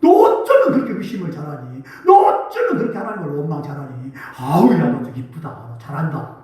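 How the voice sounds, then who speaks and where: A male pastor voicing a flattering, goading male devil who mocks with coaxing praise, lower than his own voice. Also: a little fast. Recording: very echoey church from a distance.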